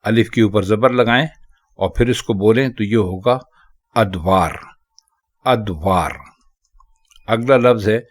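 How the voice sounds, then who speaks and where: A man with a fairly low voice teaches correct spelling and pronunciation. He goes step by step and slowly, repeating every word a few times so it sinks in. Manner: slow and careful, repeating each word. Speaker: Urdu language teacher.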